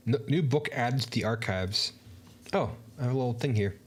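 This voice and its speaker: A man's voice: medium pitch, normal speed, a little hiss or hum. Easygoing man reading a visual novel. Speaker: streamer. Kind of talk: casual gameplay commentary and narration reading.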